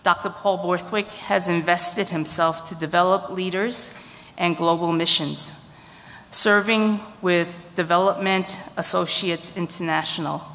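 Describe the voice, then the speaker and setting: A woman pastor speaking in a measured, deliberate way, as in a scripture reading or a formal introduction. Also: on the low side, steady tone, a bit bright. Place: large church hall, at a pulpit. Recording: reverberant hall sound.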